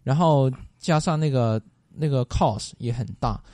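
A man answering interview questions who lays out his points one by one, pausing often on fillers. His voice is dark and mellow. The sound is close and dry. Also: medium pitch, no room sound. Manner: explanatory, methodical, with many fillers. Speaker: guest.

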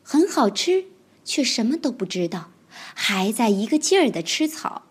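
A woman reading a children's picture book aloud, with expressive storytelling. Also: on the high side, moderate pace, slightly rough.

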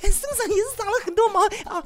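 A woman's voice: very high-pitched, fast. An actress playing a giggly, pushy woman relative who tells jokes in a comedy sketch. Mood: teasing. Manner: giggly and squabbling.

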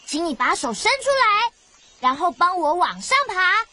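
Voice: very high-pitched, big pitch swings, normal speed, sharp tone, full character voice. A performer playing an eager, upbeat young boy animal rescuer in a children's cartoon, encouraging viewers and mixing in English words. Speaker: host guiding child viewers. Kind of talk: animated children's show dialogue, addressing viewers.

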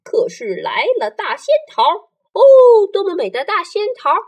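A woman voicing a boastful male centipede who brags loudly and chants rhymes in a sing-song way in a storybook reading. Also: high-pitched, big pitch swings, moderate pace. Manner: loud, gleeful bragging and sing-song rhyming. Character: boastful male centipede, a proud, cheeky pest.

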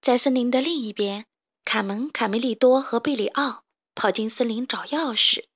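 A woman storyteller reading a children's story aloud in a gentle, expressive way. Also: fairly high pitch, moderate pace, no echo. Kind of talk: scripted storybook narration.

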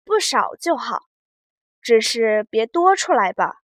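A woman's voice: on the high side, big pitch swings, takes it slowly, dry recording, full character voice. A woman voicing a shrewd, suspicious young noblewoman in a read-aloud classic novel, speaking with cool sarcasm. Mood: sarcastic.

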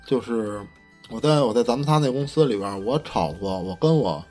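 A man's voice: medium pitch, lively intonation, brisk, warm tone, soft background music. A man co-hosting a casual podcast chat, telling stories in a heated, profane way and stumbling over restarts. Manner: stammering restarts. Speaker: podcast co-host.

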